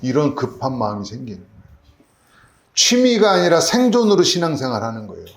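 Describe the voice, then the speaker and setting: A male pastor delivers a sermon with an animated, swinging delivery, often throwing rhetorical questions at his congregation. His middle-pitched voice rings through a reverberant church sanctuary. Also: fairly quick.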